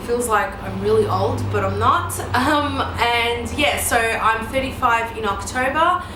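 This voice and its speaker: Her pitch is fairly high and her pace measured as this mid-thirties woman, a newborn photographer and educator, runs a relaxed Q&A vlog. She talks casually, sprinkling in plenty of ums and you-knows. An echo and constant background noise fill the recording.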